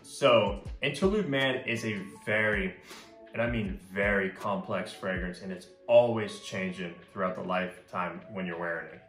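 A man's voice: lowish voice, unhurried, a bit bright. A man casually reviewing a fragrance with enthusiasm, often stressing words by repeating "very, very". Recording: echoey room with faint guitar music. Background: faint guitar music.

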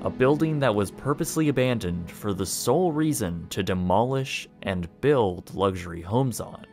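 Man, low voice, measured narration, matter-of-fact, music underneath. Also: lively intonation, a little mellow. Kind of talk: scripted documentary narration.

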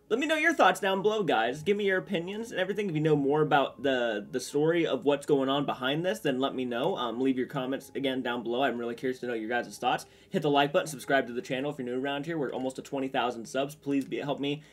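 A man's voice: medium pitch, fast, hardly any pauses. Chatty young man reacting to a trailer. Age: young adult. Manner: rambling, chatty, lots of restarts and fillers. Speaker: trailer reaction channel host. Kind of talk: casual reaction commentary. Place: small room with shelves of horror collectibles.

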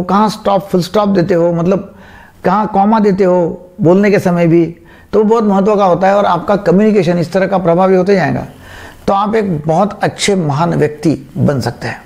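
Gravelly, high-voiced man explaining. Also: darkish tone. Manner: conversational explaining, with homely jokes and examples. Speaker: doctor giving a talk. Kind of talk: informal lecture to camera.

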